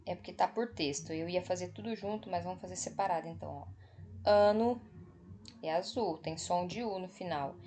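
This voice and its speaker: A Brazilian woman teacher giving a slow, patient online spelling lesson for children, repeating each word and checking in with the class as she marks them on screen. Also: on the low side, dark tone. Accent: Brazilian Portuguese.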